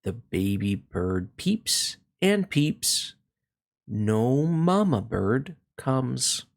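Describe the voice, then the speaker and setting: A man hosts a read-along, reading a children's picture book aloud slowly and expressively and then chatting about it. His storytelling is unhurried, with swooping pitch.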